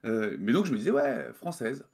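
A man's voice: mid-range voice, wildly swooping pitch, normal speed, gravelly, a little mellow. A man from France, a game developer guest, talking casually in an interview over a video call, hesitant with many fillers and restarts.

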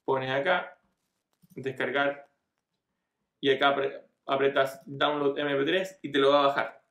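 A middle-aged man, an online marketing tutor, explains a computer process step by step in a casual way, frequently asking things like "¿cierto?". His mid-range voice is monotone and measured, with vocal fry and a fairly bright tone, picked up by a desk webcam in a small, echoey room.

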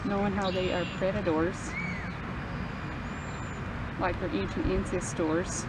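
A woman's voice: lowish voice, fairly even intonation, unhurried, recorded from a distance. A woman chatting playfully and teasing her companion during a walk in a park. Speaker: vlog companion. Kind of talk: casual chat. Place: outdoors in a park arboretum. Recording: outdoor camera audio with loud background noise.

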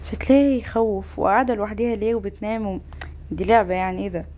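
A young woman, giving an excitable game voice-over commentary and exclaiming often. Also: mid-range voice, quick pace. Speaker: gaming YouTuber. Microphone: home microphone voice-over.

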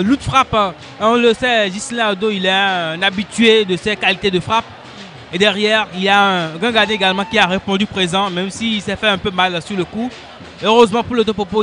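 A man co-commentating a live football match in a high, forceful voice. He analyses the play in an animated but halting way, with faint music in the background.

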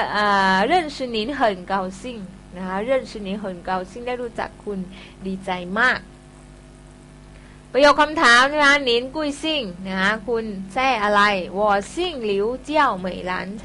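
A woman's voice: fairly high pitch, bright, forceful tone, a little hiss or hum. A woman teaching a Chinese language class, explaining patiently step by step with polite particles. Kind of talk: classroom lesson.

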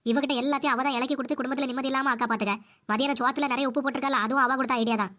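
A woman's voice: high voice, fairly even intonation, very fast, pushed and bright. A woman putting on a whiny old mother-in-law. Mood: complaining. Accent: Kanyakumari Tamil. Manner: complaining, whiny. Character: older mother-in-law, beaten and whining.

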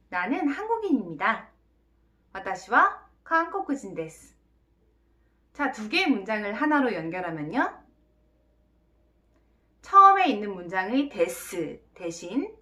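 A woman teaching a beginner language lesson, reading example sentences slowly and carefully and cheering the learner on. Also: mid-range voice. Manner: slow, careful example sentences with lively encouraging tone.

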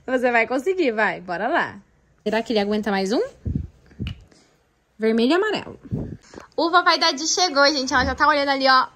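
A young woman with a high voice films her family at home on a phone, chatting to viewers at a moderate pace and pausing often. She's a lively, chatty vlogger mom, and a little hiss or hum comes through.

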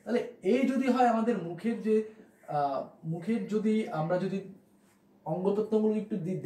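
A male teacher with a fairly high voice, giving a grammar lesson in a reverberant room. He walks through each point slowly, says the key ideas again and again, and keeps asking his class questions. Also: warm tone. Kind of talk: classroom lesson explaining at a board.

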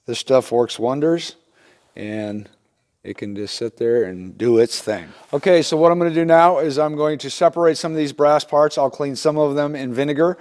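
Here a middle-aged instructor demonstrates a repair for a how-to video, speaking casually and plainly, with a folksy touch, as he works through each step. The setting is an indoor workbench in a small wooden workshop, and his fairly high voice has a darkish tone and moderate pace.

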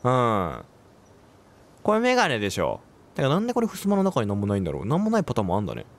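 A man's voice: medium pitch, huge pitch swings, racing, gravelly. A man giving let's play commentary on a game, reacting, quipping and talking to himself as he plays. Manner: reactive, talks to himself, quips and exclaims.

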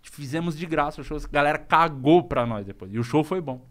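Fast-talking comedian, slangy. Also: male voice, a little high. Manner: slangy, animated, swearing freely. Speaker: guest stand-up comedian. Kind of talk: casual storytelling on a podcast.

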